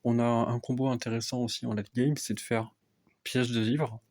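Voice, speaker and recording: A young man softly explaining a card game deck as casual gameplay commentary, often hesitant with fillers. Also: level tone, normal speed. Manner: speaks softly, low volume. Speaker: card game content creator.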